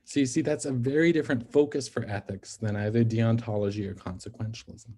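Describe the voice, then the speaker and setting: A man's voice: mid-range voice, fairly quick, warm tone, slightly rough. A man giving an ethics lecture in an explanatory manner, often checking in with the listeners as he works through each idea. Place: NICU physician.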